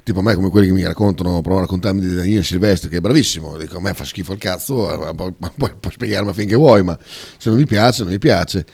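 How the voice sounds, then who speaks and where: A man's voice: low-pitched, quick pace, a little mellow, breathy edge. A male radio host in casual, blunt, chatty talk who swears freely.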